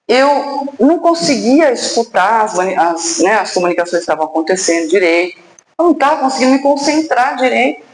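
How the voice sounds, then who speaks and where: A Brazilian woman giving a personal testimony talk at a spiritist center, telling her story dramatically, acting out dialogue and pausing for suspense. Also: medium pitch. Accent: Brazilian Portuguese. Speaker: guest speaker at a spiritist center. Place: spiritist center hall, indoors. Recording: echoey room, faint background noise.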